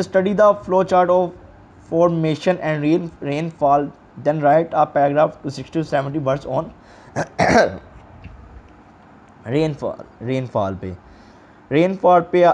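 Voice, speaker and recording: A man teaching an English lesson, reading exercise lines slowly and explaining them with frequent fillers. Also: medium pitch, darkish tone, dull audio.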